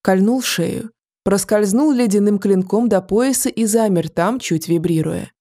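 In a steady, even manner, a woman narrates a fantasy audiobook from a script. Her voice sits in the mid range.

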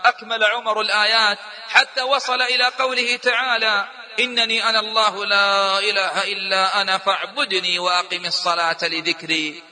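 A man preaching a sermon in emotional storytelling style, impassioned and rising toward near-shouting. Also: high voice, level tone, brisk, in a large hall.

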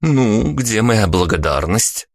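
A cocky, foul-mouthed young woman who mocks and orders people around, as a male audiobook reader puts her on. Her voice is raised well above a low male one and swings widely as she teases. The sound is dry and close. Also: very animated, slow pace, creaky, dry recording, heavily acted. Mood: bossy. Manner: teasing, crude and bossy. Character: brash, mocking young woman, tough fighter. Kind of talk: audiobook character voice.

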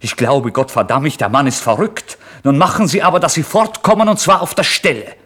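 Casting: a man putting on a shrill, scolding landlady in a radio play, shrieking high and loud. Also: brisk, husky. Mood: furious. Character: shrill angry pregnant landlady.

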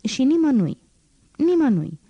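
A woman's voice: high-pitched, sing-song, dark tone, husky, no echo, dull audio, voice pushed up, exaggerated voice. A woman reading an audiobook, voicing an eager, pleading, lovestruck young man.

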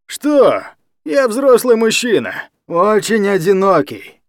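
A man's voice: on the high side, animated, moderate pace, dry recording, clean studio sound, pitched above the performer's own voice, lightly acted. A man doing a slurring drunk brute. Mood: drunk, self-pitying. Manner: slurring, mumbling, forcing words out drunkenly. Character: drunk middle-aged male guardian, boorish and aggressive.

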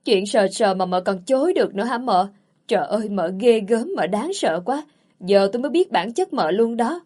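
Shrill servant girl, read by a woman, tattling, wailing, loud. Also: animated, moderate pace, natural voice. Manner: wailing, accusing.

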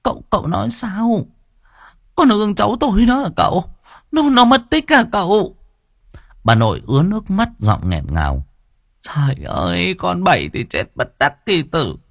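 A man's voice: lowish voice, wildly swooping pitch, a little fast, hardly any pauses, no echo, studio quality. A man voicing a frail, grieving old grandmother, stammering through tears in an audiobook. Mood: panicked. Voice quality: husky, trembling stammer.

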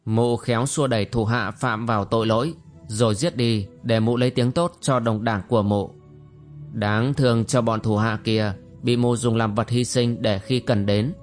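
A man's voice: medium pitch, steady tone, normal speed, faint music behind, close to an everyday voice. A man reading as an indignant old monk. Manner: muttering through gritted teeth.

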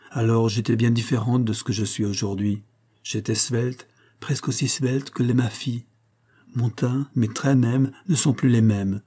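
A man's voice: medium pitch, warm tone, slightly rough, close to an everyday voice. Man reading a reserved middle-aged mother.

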